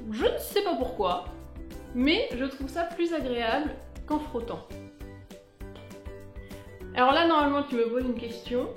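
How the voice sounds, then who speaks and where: A woman's voice: high voice, lively intonation, unhurried, long pauses, echoey room, soft background music. A young woman chatting through a casual beauty product review, playful and talkative, breaking into little sung asides. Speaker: beauty vlogger.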